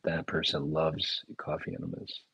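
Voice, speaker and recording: A man's voice: a bass voice, flat delivery, moderate pace, vocal fry, fairly bright tone, husky, dry recording, muffled recording. A man hosting a casual live chat, reading viewer comments aloud and riffing on them in a laid-back way. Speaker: chef and restaurant owner hosting a live chat. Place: indoors, talking to a live chat.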